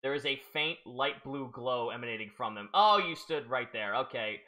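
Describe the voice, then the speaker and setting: Bright-voiced man running a tabletop game. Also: mid-range voice. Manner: halting, with many restarts when explaining rules. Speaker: game master.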